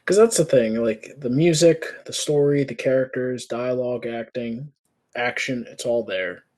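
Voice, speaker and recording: A man's voice: medium pitch, normal speed, a little mellow. A young man talks loosely as a podcast co-host. He rambles, stacks up fillers and restarts his sentences before landing a point. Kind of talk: casual chat.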